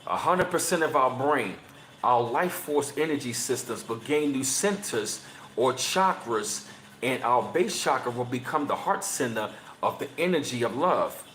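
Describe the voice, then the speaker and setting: A man in his thirties hosting a casual livestream, chatting with viewers in slangy talk and reading passages aloud, his voice jumping high whenever he gets emphatic. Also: unhurried, roomy sound, a little hiss or hum. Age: 30s. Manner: excitable, voice jumps high when emphatic, slangy. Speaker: channel host.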